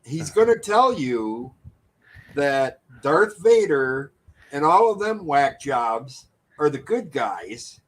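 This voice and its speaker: A man's voice: fairly high pitch, big pitch swings, slow pace, rough recording. A man in casual, joking banter with a friend, swearing freely and teasing back.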